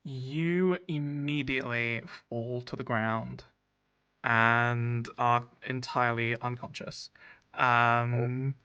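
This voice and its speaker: Bright-voiced man running a tabletop game. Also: mid-range voice, fairly even intonation, takes it slowly, smooth, muffled recording. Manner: hesitant, many fillers. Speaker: game master.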